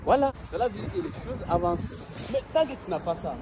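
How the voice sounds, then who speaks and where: A man's voice: high voice, expressive, quick pace, background noise. A man on a city street explaining his point hesitantly, with many euhs.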